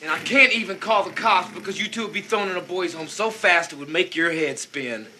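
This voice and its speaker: Sharp, high-voiced exasperated older brother. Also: male voice, a little fast, a little hiss or hum. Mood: angry. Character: exasperated, stern older brother raising teenage boys. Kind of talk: 1980s film drama acting.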